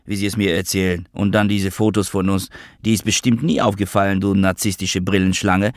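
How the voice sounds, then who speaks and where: A man reading an audiobook voices a sharp-tongued, bitter adult woman with a sarcastic, needling manner, pitching his voice up for her. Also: steady tone, a little fast, dry recording, studio quality. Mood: mocking. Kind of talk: audiobook character voice.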